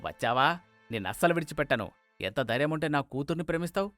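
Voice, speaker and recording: A man's voice: fairly high pitch, animated, quick pace, no echo, faint music behind. A man doing a furious, bigoted village elder. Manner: shouting, threatening. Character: angry older village man, proud and bigoted.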